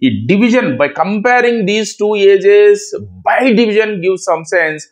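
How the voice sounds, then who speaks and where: A man's voice: sits high, extremely slow. A man with a Telugu accent, a native Telugu speaker, teaching a math lesson in English and Telugu. He repeats key words and asks questions that he answers himself.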